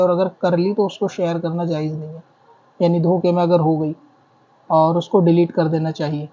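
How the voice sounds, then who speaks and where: In a question-and-answer format, a mellow, high-voiced scholar of Islam lays out religious rulings with very level intonation. He teaches methodically, restating things as he goes, and the recording quality is dull and lo-fi.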